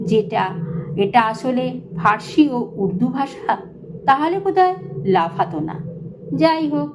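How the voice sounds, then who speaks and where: Woman reading an essay in measured phrases. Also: fairly high pitch, background noise. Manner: measured, phrase-by-phrase delivery with pointed emphasis. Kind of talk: read-aloud essay narration.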